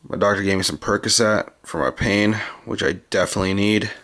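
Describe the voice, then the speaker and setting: A man's voice: fairly low pitch, steady tone, brisk. A man in his twenties keeping a casual video diary, talking with a swollen mouth after wisdom teeth removal. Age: 20s. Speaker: vlogger. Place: parked car and rooms at home. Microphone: handheld camera at arm's length. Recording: noticeable background noise, handheld camera.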